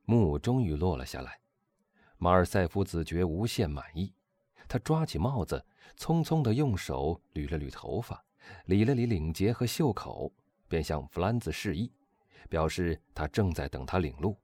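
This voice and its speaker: Low-voiced man narrating an audiobook. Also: very animated, normal speed, a little mellow. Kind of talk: scripted narration.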